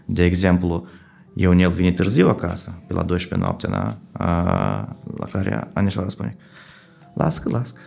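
A man speaking as a psychologist guest in an interview, explaining with worked examples and often checking in with a quick "right?". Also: low-pitched, lively intonation, creaky, darkish tone, faint music behind.

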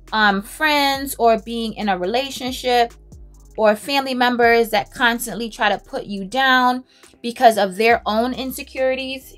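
Speaking on the high side with a fairly bright tone, a woman chats emphatically while applying makeup in her home closet. This self-assured beauty vlogger laughs a lot and keeps up a casual, chatty flow, picked up closely by a camera set on a stand.

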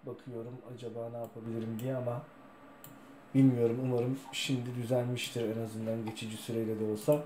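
A man's voice: medium pitch, level tone, dark tone, slight background noise. A man interviewing over a remote call, his voice echoing and muffled on the line, speaking politely and with apologies. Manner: polite, apologetic, measured questions. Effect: echoey, muffled sound on his line. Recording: echoey remote call audio.

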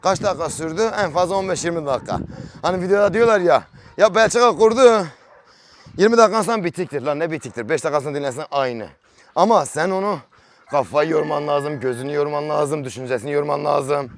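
A man filming a casual farm vlog, barking short sharp commands at a dog and grumbling bluntly between them, outdoors on a farm. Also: fairly high pitch, fast. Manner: blunt, grumbling colloquial talk. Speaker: dog trainer and farm vlogger.

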